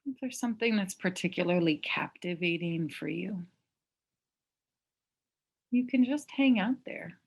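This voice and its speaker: Speaking very slowly with long pauses between phrases, a woman guides a meditation in a low-leaning, gravelly, slightly rough voice. She sounds animated yet gentle, like a mindfulness teacher giving instructions.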